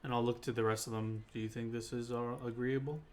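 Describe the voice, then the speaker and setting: A man playing a tabletop game, speaking in a measured, level way. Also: mid-range voice, flat delivery, darkish tone. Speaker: player. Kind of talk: casual tabletop play.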